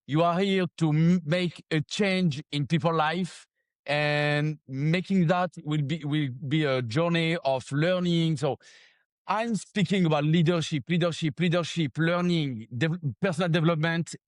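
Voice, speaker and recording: A man's voice: on the high side, a little slow, dry recording, clean studio sound. French-accented man speaking broken English. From France. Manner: broken English with grammar slips and searching for words. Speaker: founder of a gym franchise, interview guest. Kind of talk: interview answers.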